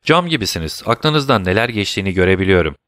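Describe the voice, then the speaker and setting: Sherlock Holmes, alaycı ve soğukkanlı dedektif bir erkeğin sesiyle. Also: male voice, low voice, quick pace, no room sound, studio quality. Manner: calm, teasing, commanding. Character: cool, mocking male detective, middle-aged. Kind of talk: audiobook character voice.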